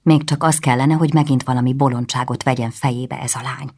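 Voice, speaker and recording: A woman's voice: extremely low pitch, steady tone, a little mellow, husky, exaggerated voice. A woman reading the lines of a worried, strict noble mother, who speaks sharply and anxiously. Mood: fretful.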